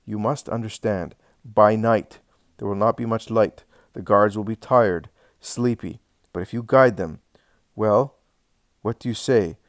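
A sneering, scheming male temple elder, as read aloud by a man. The tone is low and dry, close to the mic. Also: fairly even intonation, a little slow, no room sound, lightly acted. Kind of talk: reading a religious text aloud.

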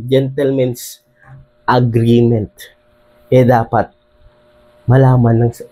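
Filipino male commentator, mellow, animated talker, keeps asking his viewers rhetorical questions. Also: medium pitch. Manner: animated, addresses viewers often, frequent fillers and rhetorical questions. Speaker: political commentator. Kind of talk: casual political commentary.

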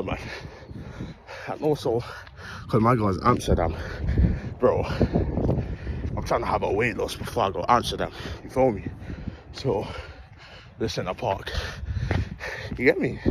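A young adult vlogger with a London accent chats in slang to his phone camera, held at arm's length, while jogging, tossing in lively asides. His voice is medium-pitched, with background noise. The setting moves from a park and streets outdoors at dawn to a bedroom.

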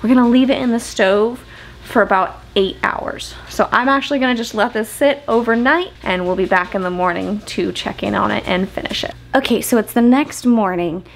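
A woman's voice: mid-range voice, normal speed, gravelly, a little hiss or hum, rough recording. A woman in her thirties talking to the camera as she cooks in her home kitchen, explaining each step in a casual, chatty way. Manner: chatty, explains steps while working, talks to camera. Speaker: homesteading cooking vlogger. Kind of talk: casual step-by-step cooking tutorial.

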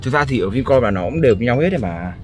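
A vlogger from northern Vietnam chats casually to camera in a barbershop and in a car at night, upbeat and full of fillers. His mid-range voice is expressive and very fast, with music in the background.

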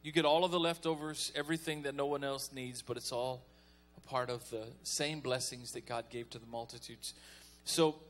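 Man, pastor, folksy sermon, mid-pitched voice, call-and-response. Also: steady tone, moderate pace, few pauses, fairly bright tone, faint music behind. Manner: folksy, conversational preaching with audience call-and-response.

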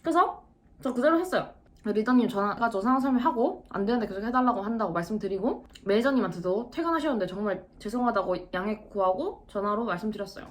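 A woman in her twenties telling a vlog story about her service job, acting out customers' lines in an animated way. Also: medium pitch, fast talker. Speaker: vlogger, service worker. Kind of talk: casual storytelling to camera.

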